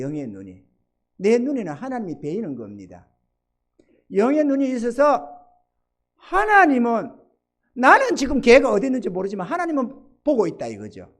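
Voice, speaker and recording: High-voiced male pastor telling a story. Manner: animated storytelling, acting out dialogue; asks the congregation questions. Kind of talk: sermon with personal story.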